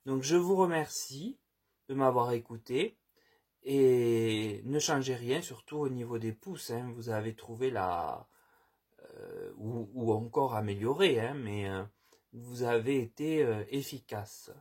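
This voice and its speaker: Slow, husky-voiced man reading tarot. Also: animated. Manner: hesitant, many fillers and restarts; earnest, heartfelt advice. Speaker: tarot reader. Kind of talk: casual spoken reading. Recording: quiet, low-level voice.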